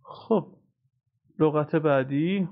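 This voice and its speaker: Male language teacher, patient, drills words over and over, narrow phone-like sound. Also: on the high side. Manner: patient, repeats words slowly many times. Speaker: English teacher. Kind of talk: pronunciation lesson. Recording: tinny phone-like audio.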